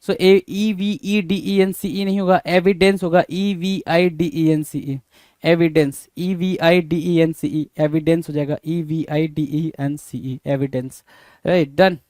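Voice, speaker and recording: Man, exam spelling teacher, repetitive rhetorical questions, high pitch, dry close sound. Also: fairly even intonation, takes it slowly, a little mellow, dry recording. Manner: repetitive, rhetorical questions, calls students "bhai". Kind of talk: exam prep lesson, spelling out words letter by letter.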